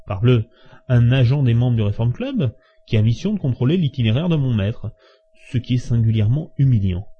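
Guy putting on a worked-up tipsy young servant, husky, pitch jumps up, dull lo-fi audio. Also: expressive, brisk. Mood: indignant. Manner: exclaiming, indignant, pleading. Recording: dull lo-fi recording.

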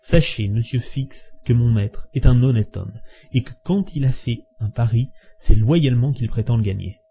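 A man's voice: medium pitch, normal speed, creaky, slightly rough. A man reading aloud and voicing an agitated, slightly drunk young male servant who exclaims and protests. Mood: indignant. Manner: exclaiming, indignant, pleading. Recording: dull lo-fi recording.

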